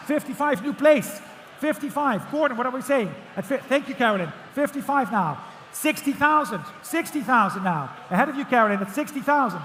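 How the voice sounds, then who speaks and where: A man working as an auctioneer, calling bids in rhythmic, repetitive number patter, projecting loudly to a room. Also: very high voice. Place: large auction room with bidders. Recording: echoey auction hall, faint background noise.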